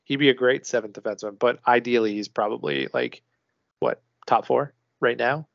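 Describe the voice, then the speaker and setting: A man's voice: medium pitch, fairly even intonation, normal speed, gravelly, no room sound. A man co-hosting a casual sports podcast, talking loosely with swearing and restarts. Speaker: podcast co-host. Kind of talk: casual hockey podcast chat. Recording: dull lo-fi dry sound.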